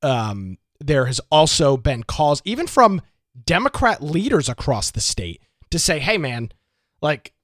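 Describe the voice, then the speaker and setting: A man's voice: fairly high pitch, sing-song, unhurried, a bit bright, no room sound, clean studio sound. Opinionated male political talk host. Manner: opinionated, rhetorical questions.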